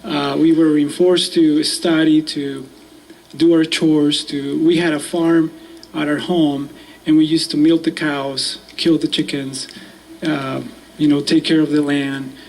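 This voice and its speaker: A man's voice: on the high side, flat delivery, measured pace, creaky, darkish tone, a little hiss or hum, low-quality recording. A man from Mexico City cheerfully telling about growing up on a chapel panel.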